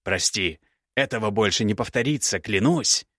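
Rich: A young male mage, as the reader plays him, self-assured yet pleading, his voice sitting low and plain. The sound is dry and close. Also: lively intonation, moderate pace, fairly bright tone, no echo. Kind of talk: audiobook character voice.

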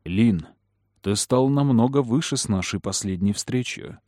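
A man's voice: on the low side, a little mellow, no echo, clean studio sound, natural voice. Man playing a cold, commanding noble father. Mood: cold firm. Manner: slow, firm, measured. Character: cold powerful aristocratic father, calm and manipulative.

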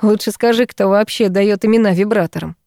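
A woman voicing a calm, kind young male neighbor in an audiobook. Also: medium pitch, brisk, no echo, studio quality, lightly acted. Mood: gentle.

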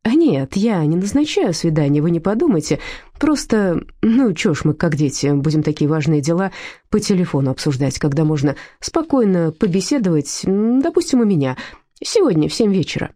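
A woman's voice: lowish voice, sing-song, normal speed, mellow, dry recording, clean studio sound. A woman reading a storybook aloud, voicing an eager, fussy man flustered by a woman he fancies. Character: eager fussy middle-aged man, smitten.

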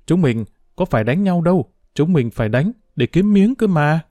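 A brash little street kid who brags and needles his friend in a quick, lifted voice, as a male reader puts him on. He talks with swagger over a dry, close mic. The pitch climbs when he gets worked up. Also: sing-song, warm tone, no room sound. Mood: cocky. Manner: boastful, quick, teasing. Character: scrappy cheeky street urchin boy. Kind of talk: audiobook character voice.

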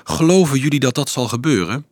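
A man's voice: mid-range voice, expressive, fairly quick, a little mellow, no echo, clean studio sound, pitched above the performer's own voice, lightly acted. A man reading an earnest teenage boy who hesitantly, then urgently explains things to a crowd of children, in an audiobook.

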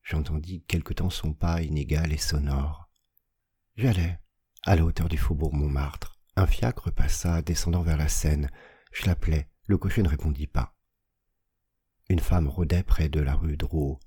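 A man reading a classic story aloud as an audiobook narrator, in a measured, dramatic style that slows on images and swells at tense moments. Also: rumbling low, fairly even intonation, mellow, breathy edge, no room sound, clean studio sound. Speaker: audiobook reader.

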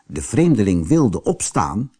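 A man reading a fairy tale audiobook as narrator, slow and very expressive. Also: on the low side, slightly rough.

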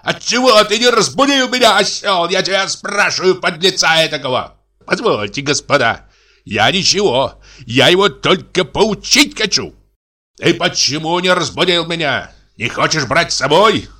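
Man doing a shrill, brawling old captain. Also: expressive, moderate pace. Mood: furious. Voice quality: piercing shrill tenor. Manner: yelling insults, mocking. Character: shrill quarrelsome retired naval captain, man.

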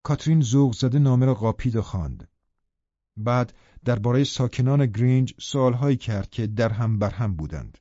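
A man reading a novel aloud as an audiobook narrator, telling the story in a calm, even way. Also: medium pitch, no room sound, muffled recording. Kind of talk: scripted narration.

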